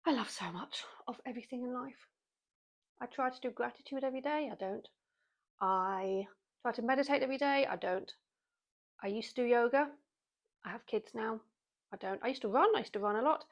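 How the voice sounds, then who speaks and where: Talking to camera with a fairly quick but slightly high voice, this woman leaves long pauses between thoughts. She is a British vlogger in her forties with a British English accent, casual and given to wry jokes at her own expense.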